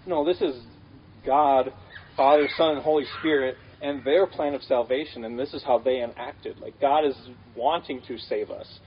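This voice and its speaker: A man's voice: mid-range voice, moderate pace, highs cut off, a little hiss or hum. A man preaching a conversational sermon, casual and full of fillers, repeating key phrases.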